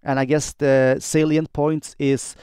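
Crisp-voiced man dictating in clipped phrases. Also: fairly high pitch, level tone, slow pace, darkish tone, dry recording, clean studio sound. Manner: dictating in short clipped phrases, speaking punctuation and commands aloud. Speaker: software demonstrator. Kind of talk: dictating text and voice commands.

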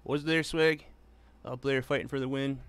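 A man live-streams a racing game, chatting casually and answering viewers while he drives. His mid-range voice is clean and fairly even in intonation, at a moderate pace. Loud car game sounds and racing engine noise sit over his voice.

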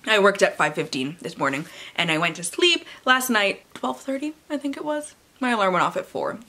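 Very animated and fairly quick, this young adult book vlogger sounds pushed and bright at a medium pitch. She chats playfully in a bookshelf-lined room, swearing, interrupting herself and acting out blurbs dramatically.

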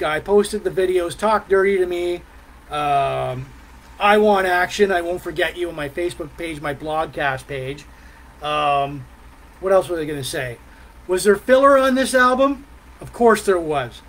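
A middle-aged man, chatting casually as a live vlog host in a halting, meandering way. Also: high-pitched, a bit bright, low-quality recording. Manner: halting, meandering delivery with pauses and mm sounds. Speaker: host of a live music and beer review vlog. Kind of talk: casual rambling live chat. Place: small decorated room at home, indoors.

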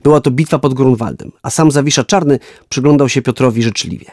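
A man reads a children's story aloud, with clear diction and an expressive, lively delivery. His voice sits at a medium pitch, and the close, dry sound has almost no room echo. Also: quick pace. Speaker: storyteller, scouting instructor.

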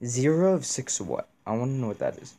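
A man's voice: mid-range voice, wildly swooping pitch, a little fast, noisy background. A young man playing a horror game, reacting nervously and swearing as he talks through it. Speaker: gamer.

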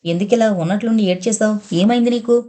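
Woman narrator reading an affectionate young rich man, mellow low-key delivery, audiobook novel. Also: brisk, natural voice. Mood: tender worried. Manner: affectionate, coaxing. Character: young wealthy man, tender lover.

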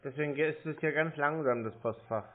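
A prank caller who answers scam calls chats casually on the phone, playing a naive customer, hesitant and rambling yet eager to help. He has a fairly high voice and talks fast. The audio is tinny and phone-like with faint noise.

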